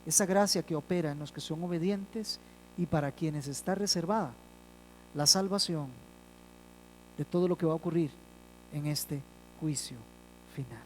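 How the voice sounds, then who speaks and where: A male pastor delivering a sermon, rising loud on key phrases, dropping soft at phrase ends, and slowing down to stress words. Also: fairly high pitch, a little hiss or hum, rough recording. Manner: slows down for emphasis.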